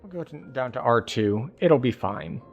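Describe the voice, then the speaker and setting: A man's voice: medium pitch, lively intonation, moderate pace, gravelly, highs cut off, faint music behind. A man giving casual gameplay commentary, often muttering to himself. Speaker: gamer playing and commenting.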